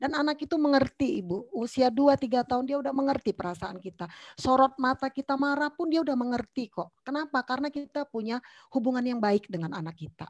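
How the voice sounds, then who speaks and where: A middle-aged woman pastor giving an online seminar talk on parenting, telling family stories with earnest warmth and acting out the dialogue. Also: fairly high pitch, no echo, lo-fi sound. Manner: storytelling, acts out family dialogue; earnest and warm, addresses listeners as Ibu. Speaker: pastor and guest speaker.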